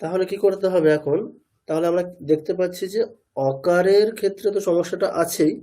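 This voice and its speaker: A man's voice: high-pitched, fairly even intonation, brisk, dark tone. A man with a Bengali accent teaching a classroom lesson on Sanskrit pronunciation, patiently explaining with repeated spoken examples.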